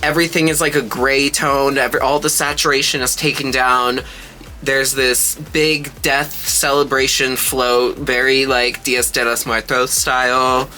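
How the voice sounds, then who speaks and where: A man with a very bright, forward voice chats in a sassy drag queen manner. He gushes and swears casually as he reacts to what he watches, with music playing behind him. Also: medium pitch, level tone, measured pace, low-quality recording.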